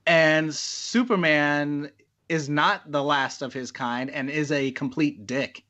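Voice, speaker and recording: A man's voice: a little high, steady tone, takes it slowly, sharp tone. A man co-hosting a podcast in casual chat, explaining things with many "like" and "uh" fillers. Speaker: podcast co-host. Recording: dull, lo-fi mic sound.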